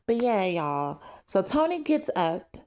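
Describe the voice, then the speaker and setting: A woman's voice: medium pitch, big pitch swings, slow pace, darkish tone. A woman giving blunt, candid opinions on reality TV in a casual vlog. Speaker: reality TV commentator.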